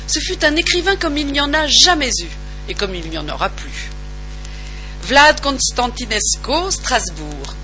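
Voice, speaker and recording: A woman's voice: high-pitched, very animated, unhurried, pushed and bright, rough recording. A woman reading listener messages aloud in a declamatory, emphatic way. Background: music underneath.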